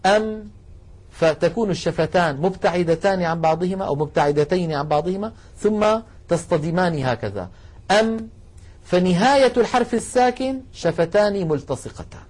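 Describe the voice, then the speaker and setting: A man lecturing a class, explaining carefully and slowing down to demonstrate sounds, asking students to try along. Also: sits high, animated, darkish tone. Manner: addresses students directly, asks them to try along. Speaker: Quran recitation teacher.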